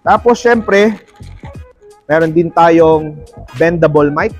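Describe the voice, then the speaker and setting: In a casual unboxing vlog, a Filipino-accented man reviews a product with playful sales patter, dropping in English terms. He speaks slowly in a fairly high voice. The audio is lo-fi, with background music.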